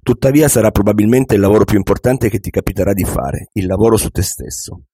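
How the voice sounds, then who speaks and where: A man voicing a wise, calm older millionaire who patiently teaches a young man, read as an audiobook. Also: on the low side, breathy edge, no room sound, studio quality. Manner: patient, measured, instructive. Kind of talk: audiobook reading.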